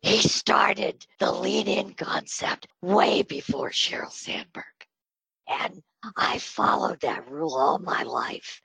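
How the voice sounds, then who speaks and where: An older woman with a breathy, whispery voice, speaking as a podcast guest and telling her story in a slow, measured way. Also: mid-range voice, expressive, fairly bright tone, dry recording, low-quality recording. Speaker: podcast guest, retired health system executive. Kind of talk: interview storytelling.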